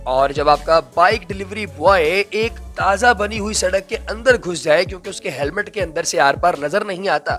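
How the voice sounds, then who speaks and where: A man's voice: high-pitched, a bit bright. A man narrating funny video clips in a teasing, joking voice-over with rhyming quips. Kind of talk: humorous voice-over commentary on clips. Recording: faint music behind.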